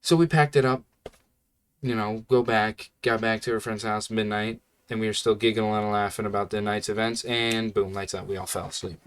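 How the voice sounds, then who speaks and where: A man's voice: fairly low pitch, steady tone, normal speed, fairly bright tone, clear, resonant tone. A young man telling a story in a casual, rambling way, full of fillers and laid-back slang. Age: young adult.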